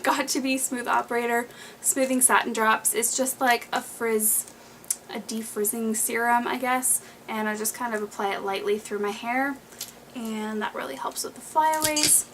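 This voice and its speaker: A young woman with a somewhat high voice talks casually to camera in a home beauty vlog. She rambles, restarts and drops plenty of fillers, sounding a little out of breath. A faint hiss sits under the recording. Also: a bit bright, rough recording. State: slightly out of breath. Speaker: beauty vlogger. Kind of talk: casual monthly favorites vlog.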